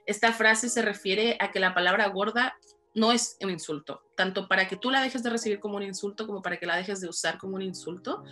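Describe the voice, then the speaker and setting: Woman author, earnest, animated, mid pitch, faint music behind. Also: brisk. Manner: earnest, animated, laughs easily. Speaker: author guest. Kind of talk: personal interview answers.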